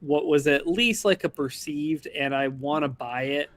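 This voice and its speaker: A man's voice: on the high side, measured pace. A man co-hosting a casual sports podcast, joking and rambling as he talks.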